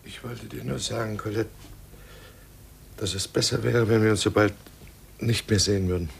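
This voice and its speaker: An actor playing a shaken, fearful man just out of prison in a 1950s radio drama, low and faltering. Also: steady tone, fast talker, a bit bright, a little hiss or hum, natural voice. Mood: afraid.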